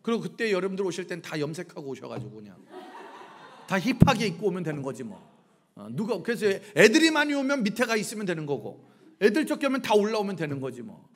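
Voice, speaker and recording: A middle-aged pastor preaching a revival sermon in a church, firing either-or questions at the congregation and acting out shouts. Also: male voice, sits high, sing-song, quick pace. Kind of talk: lively revival sermon with call-and-response questions. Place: church sanctuary.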